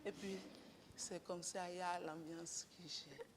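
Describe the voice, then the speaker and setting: A woman, a guest speaker talking candidly and conversationally, with gentle humor, to a breakfast audience. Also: fairly low pitch, fairly even intonation, unhurried, long reverb tail, noisy background. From Benin. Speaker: guest speaker, mechanic and garage co-owner.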